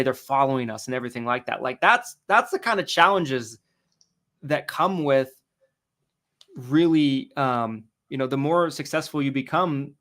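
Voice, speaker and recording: A man co-hosting a casual chat, speaking in a rambling way with many pauses and fillers. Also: mid-range voice, fairly bright tone.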